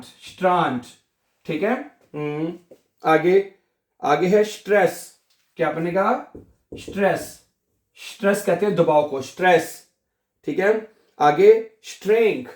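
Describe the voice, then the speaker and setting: A man teaching a language lesson, repeating each word slowly and asking and answering his own questions. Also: sits high, roomy sound.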